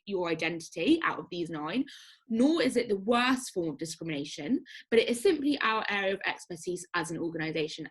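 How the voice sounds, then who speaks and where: A woman's voice: fairly high pitch, rough recording. A woman presenting an educational workshop, explaining patiently with frequent ums.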